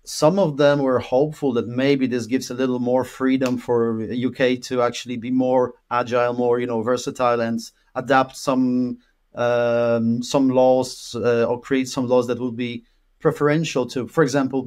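Calling in from a room at home with an orange wall, this interview guest is a man in his thirties from Poland. His mid-range voice has a darkish tone and stays fairly flat in pitch, at normal speed. The conversation is casual, and he wanders through it with plenty of fillers and repeated words.

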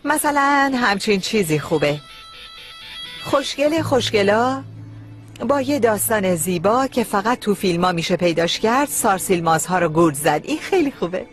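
A woman's voice: medium pitch, expressive, soft background music, natural voice. An actress dubbing a scheming, defiant wife who talks back to her husband. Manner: defiant, pointed. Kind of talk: Persian dub of a TV drama.

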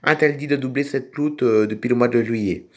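A man's voice: medium pitch, a little fast, close to an everyday voice. A man doing a stammering tractor driver with an odd accent. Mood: insistent, apologetic. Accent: put-on odd accent. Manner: hesitant, stumbling with many fillers. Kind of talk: toy figure film role-play.

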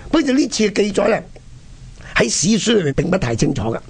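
A very animated, fast-talking radio history host with a Hong Kong accent spins colloquial stories full of rhetorical questions. His high-pitched voice is gravelly with a breathy edge.

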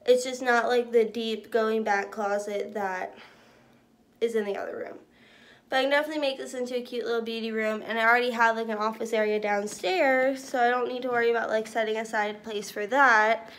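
A woman's voice: on the high side, steady tone, brisk, a bit bright. A woman in her twenties casually touring her empty new apartment on a handheld phone, chatty and upbeat. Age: 20s. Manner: chatty, upbeat, says "cute little" a lot. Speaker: vlogger. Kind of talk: casual house-tour vlog. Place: empty apartment with bare walls. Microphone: handheld phone camera. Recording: echoey empty rooms, faint room hiss.

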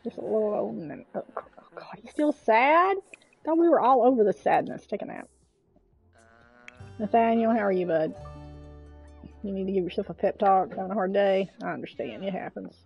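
A woman's voice: mid-range voice, normal speed, vocal fry, long pauses, husky, dull audio, faint music behind. A woman streaming a game, chatting casually and coaxing her game characters, with mild swearing. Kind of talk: casual gameplay commentary.

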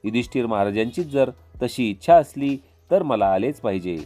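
A man's voice: medium pitch, expressive, moderate pace, mellow, soft background music, natural voice. A man voicing a distressed but courageous young queen who questions firmly. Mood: firm, defiant. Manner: firm, questioning.

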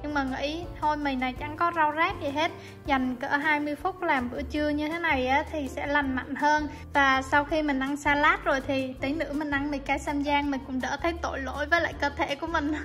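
In her home kitchen, a chatty Vietnamese cooking vlogger explains each step in a friendly way. Her voice is high and steady, her delivery brisk, and soft background music accompanies this casual voice-over.

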